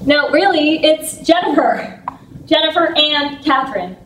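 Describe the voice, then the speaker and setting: A sassy, effusive woman from San Francisco performs her solo stage show in a comic way. Her voice sits high and carries from a distance in an echoey theater. The recording is noisy. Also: lively intonation, a little slow, a bit bright. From San Francisco, United States. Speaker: actress. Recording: echoey room from far off, noisy.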